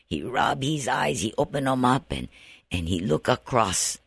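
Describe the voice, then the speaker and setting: Animated gravelly Pidgin storyteller. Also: male voice, medium pitch, unhurried, no room sound. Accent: Hawaiian Pidgin. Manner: lively, dramatic storytelling. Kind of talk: spoken ghost story.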